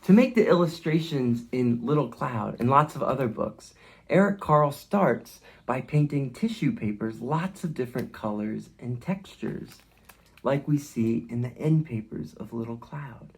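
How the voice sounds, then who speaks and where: A man educator hosts an interactive read-along for young children, prompting movement and asking simple guiding questions. He speaks a little slowly in an expressive mid-range voice with vocal fry, and the audio is poor.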